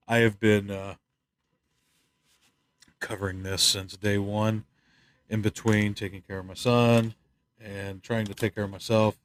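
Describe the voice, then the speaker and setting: A man from the United States giving rambling, opinionated news commentary, tired and stuffed up, clearing his throat often. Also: on the low side, level tone, slow, long pauses, no room sound. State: congested, stuffed up. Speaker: channel host. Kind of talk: casual news commentary vlog.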